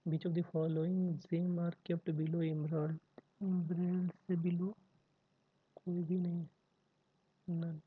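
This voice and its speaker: A man, tutoring through mock exam puzzles, reading questions slowly and then rattling off solving steps in Hindi. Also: a little high, level tone, breathy edge, dry recording. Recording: dry tinny phone-like audio.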